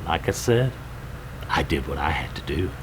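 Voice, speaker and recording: An actor playing a bitter, unrepentant killer inmate in a thriller film, intense, haunted and self-justifying. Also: male voice, extremely low pitch, big pitch swings, normal speed, exaggerated voice. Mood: bitter, defiant. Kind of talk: psychological thriller film acting. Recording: clear noise over film dialogue.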